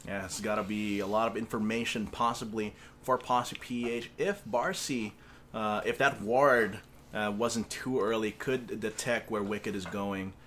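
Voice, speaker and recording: A man's voice: on the low side, a little slow, a bit bright. Guy calling a video game match, laughs a lot, um's and uh's, slight background hum. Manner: laughs easily, hesitant fillers. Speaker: esports caster. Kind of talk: play-by-play commentary.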